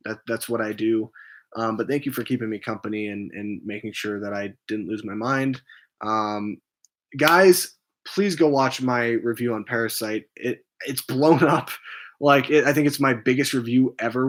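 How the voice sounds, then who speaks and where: Rambling tired man chatting over a game. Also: mid-range voice. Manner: rambling, many ums and restarts, tired. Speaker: movie channel host streaming a game. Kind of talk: casual gaming stream chat.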